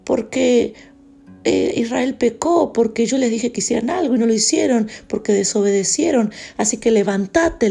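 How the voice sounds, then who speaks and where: A woman with a Rioplatense Spanish accent preaching a morning devotional, acting out prayers and questions in an animated way. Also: on the high side, vocal fry, husky. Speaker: pastor.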